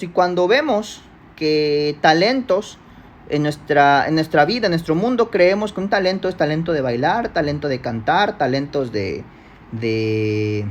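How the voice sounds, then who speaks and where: Mexican guy teaching bible study at church, chatty, keeps checking in with the class. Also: sits high. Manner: conversational, checks in with listeners, self-correcting. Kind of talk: church Bible lesson with slides.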